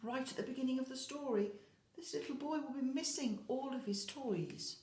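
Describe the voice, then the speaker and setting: Here a teacher at an infant school reads a story to small children at a normal pace, her voice sitting high. She reads with expression and talks to them directly through questions and side comments. There's background noise, and the room echoes.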